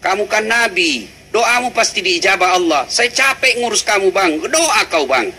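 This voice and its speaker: A man's voice: sits high, animated, moderate pace, pushed and bright, husky, voice pushed up, full character voice. A man preacher voicing a tired wife pleading and nagging her sick husband.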